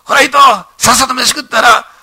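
A man voicing a gruff male company president who barks orders in Osaka dialect. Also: very high-pitched, steady tone, brisk, bright, forceful tone, pitched above the performer's own voice, full character voice. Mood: commanding. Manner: barking orders.

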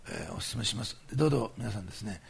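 A man's voice: on the low side, lively intonation, very fast, creaky, slightly rough. A man preaching as a pastor and leading a fervent healing prayer, with commanding declarations and earnest appeals to his listeners. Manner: earnest, coaxing address to listeners.

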